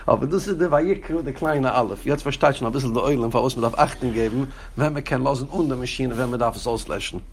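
Male rabbi leading a study class, unhurried and rambling, some fry in the voice, slight hiss behind. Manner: addresses students directly by name; chants quoted texts in a raised, sing-song pitch. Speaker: rabbi teaching a Torah class. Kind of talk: Torah class lecture.

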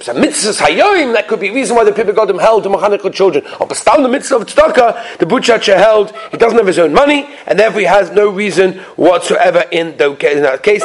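A man with a Yiddish-influenced American accent teaching a religious class as a rabbi, in a sing-song questioning manner with emphatic repetition. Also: high voice. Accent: Yiddish-influenced American English. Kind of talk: animated religious lesson with rhetorical questions.

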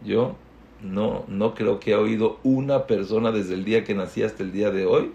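A man's voice: fairly low pitch, fairly even intonation, normal speed, creaky, dark tone, muffled recording. A man giving a sermon, telling a story with earnest rising and falling emphasis.

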